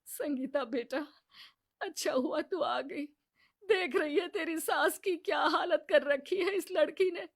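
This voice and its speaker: A bossy mother-in-law, acted by a woman, scolds and gives orders. Her voice sits fairly high and sounds sharp and commanding. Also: lively intonation, unhurried. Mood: pleading.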